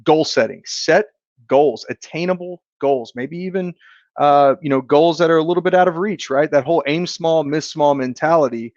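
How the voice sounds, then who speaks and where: An earnest man talks as a guest on a casual podcast. He is reflective and deliberate. The recording sounds a bit dull and dry. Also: fairly high pitch, a little mellow, no room sound. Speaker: podcast guest, insurance agent. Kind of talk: casual chat.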